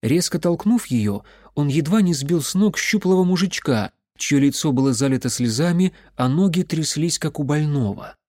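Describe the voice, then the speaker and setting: Steady male audiobook narrator, dry sound. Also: on the high side, normal speed, hardly any pauses, no room sound. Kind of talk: scripted narration.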